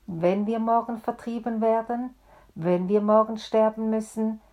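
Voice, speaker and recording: A woman's voice: on the high side, steady tone, dull audio, natural voice. A woman voicing a solemn male rabbi who speaks earnestly to his frightened congregation. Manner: earnest, slow and deliberate.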